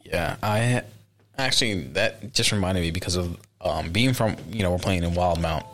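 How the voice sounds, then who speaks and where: A man's voice: low-pitched, moderate pace, a bit bright. A man chatting casually as a podcast guest, laid-back and eager, calling his friend "bro" and "dude.".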